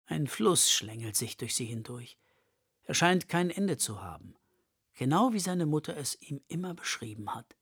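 A man reads a children's story aloud with animated, swinging intonation. His voice is bright and a little husky, with a gravelly edge. The sound is close and dry. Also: on the high side, moderate pace, dry recording. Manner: lively, expressive storytelling. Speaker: narrator. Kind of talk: scripted children's story narration.

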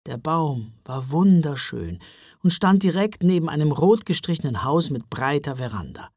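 A man narrating a children's story in an expressive, storybook manner. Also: fairly high pitch, moderate pace, no room sound, studio quality. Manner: expressive, wide-ranging delivery.

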